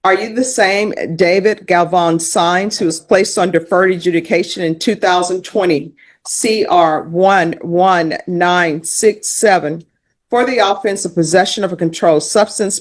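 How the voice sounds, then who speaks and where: A woman presiding as judge, asking brisk procedural questions, heard on a courtroom recording. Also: on the low side. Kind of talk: presiding over a court hearing.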